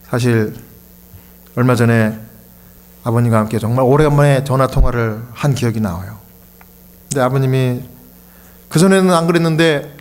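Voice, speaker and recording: A middle-aged man from Korea, a pastor preaching a sermon in a church, telling a story with deep emotion. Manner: emotional storytelling, voice rising high with feeling.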